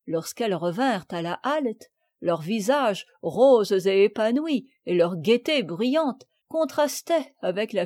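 A woman reading a classic children's novel aloud in measured, clear scripted narration. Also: mid-range voice, a little mellow, no echo. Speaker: audiobook reader.

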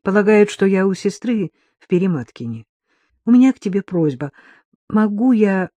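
A theatrical, mocking middle-aged man, as a reader puts him on for an audiobook. The tone is dark and mellow, and the recording is dry, with no room sound. He talks with a showy, teasing edge. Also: mid-range voice, lively intonation, normal speed, no echo, lightly acted. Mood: calm. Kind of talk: audiobook character reading.

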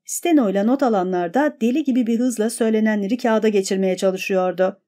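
A woman narrating a story in a steady, expressive audiobook reading. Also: mid-range voice, fairly quick.

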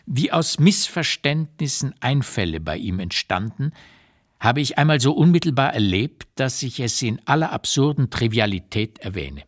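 For radio, an actor voices an elderly male writer looking back with unsparing candour, delivering deliberate, measured literary narration. His medium-pitched voice swings widely in pitch, and the mood is reflective and candid.

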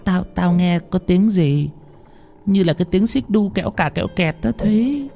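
A man voicing an older female cook in a spoken ghost story, speaking in a hushed, shaky, stammering voice. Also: sits high, normal speed, vocal fry, soft background music, voice pushed up. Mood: uneasy. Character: older female cook, timid and easily frightened.

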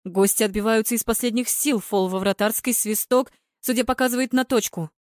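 A woman voicing a male football commentator giving measured play-by-play. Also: a little high, dry recording, studio quality, pitched above the performer's own voice, close to an everyday voice. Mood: reporting.

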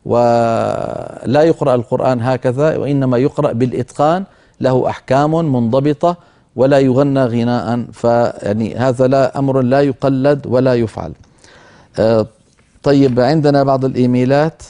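A man's voice: mid-range voice, steady tone, mellow. A man teaching Quran recitation on a call-in program, firmly correcting and answering questions. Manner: firm, corrective, models slow recitation. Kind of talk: call-in religious lesson.

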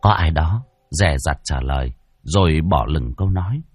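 Husky low-ish guy telling a spooky story, super expressive, dry mic. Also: moderate pace, dry recording, faint music behind. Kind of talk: first-person ghost story narration.

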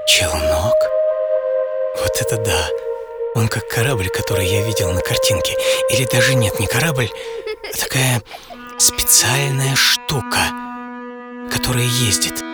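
The writer and presenter of a radio programme, a man with a mid-range voice, tells a dramatized first-person story theatrically, savouring short phrases. His pitch swings widely, his pace is unhurried, and he leaves long pauses, all over a loud music bed.

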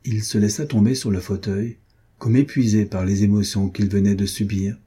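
A man reading a classic French novel as narrator, in a measured literary manner. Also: fairly low pitch, fairly even intonation, warm tone, slightly rough. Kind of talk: audiobook narration.

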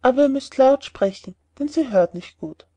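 A woman's voice: sits high, lively intonation, normal speed, dark tone, no room sound, dull audio. A woman voicing a poor, clever young peasant man in a read-aloud fairy tale, sly and plainly spoken.

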